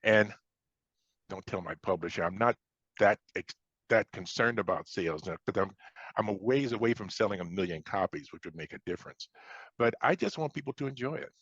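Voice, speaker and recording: This American interview guest, a Chicago man in his seventies, chats casually while reminiscing, often hesitating and repeating himself. He speaks fairly quickly in a fairly low, husky, slightly bright voice with expressive delivery. The audio is dry and muffled.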